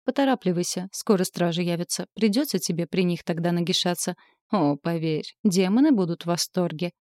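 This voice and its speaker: A woman's voice: on the low side, brisk, darkish tone, no echo, clean studio sound, natural voice. A woman voicing a domineering, sly male demon knight with a taunting, commanding manner, in a storybook reading. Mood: mocking.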